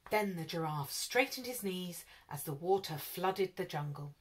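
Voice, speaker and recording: A woman storyteller reading a children's picture book aloud in an expressive, lively way. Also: fairly low pitch, a little slow.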